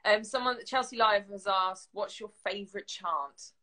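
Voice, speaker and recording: A woman's voice: mid-range voice, sharp tone. A woman interviewer, reading fan questions in a chatty, upbeat manner on a live stream. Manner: chatty, upbeat, quick reactions.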